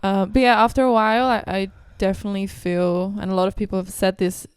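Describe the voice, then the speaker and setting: A young woman chatting on a podcast with a smooth, resonant voice. She talks in an animated, playful way with lots of laughter, recorded close and dry. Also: medium pitch, quick pace, dry recording. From Australia. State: slightly sick. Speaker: podcast co-host. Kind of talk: casual chat.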